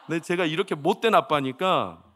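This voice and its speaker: A man in his forties, a senior pastor preaching a sermon in a chatty, conversational way, full of rhetorical questions, swinging between hushed storytelling and loud exasperated outbursts. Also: on the high side, a little fast, a little hiss or hum.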